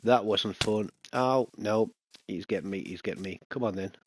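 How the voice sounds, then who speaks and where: Fairly low-pitched and speaking at normal speed, this man hosts a gaming channel and mutters his way through a survival game in casual let's-play commentary. When enemies appear he breaks into alarmed bursts, and background noise can be heard.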